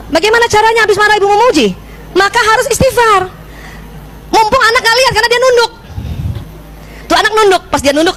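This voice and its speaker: A middle-aged woman from Indonesia giving a lively parenting talk to mothers, often asking the audience questions and acting out how she scolds a child. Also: very high voice, low-quality recording.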